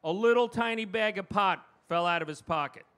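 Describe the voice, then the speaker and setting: Performing stand-up for a live audience, this male comic from Long Island, New York, fires off punchy, self-deprecating one-liners. His voice is very high-pitched, fairly bright and clean, and he talks a little fast.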